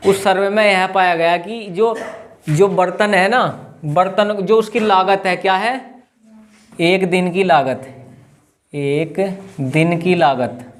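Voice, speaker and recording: A high-voiced man teaches a math class with a tinge. He works through each step aloud and keeps asking his students questions. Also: unhurried. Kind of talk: classroom lesson.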